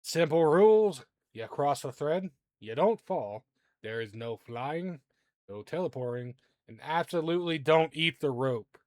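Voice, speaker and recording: A man voicing a gruff male beam master who barks out the rules of a fantasy carnival tightrope game. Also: medium pitch, no room sound, clean studio sound, natural voice. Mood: stern. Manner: brisk rule-listing barks.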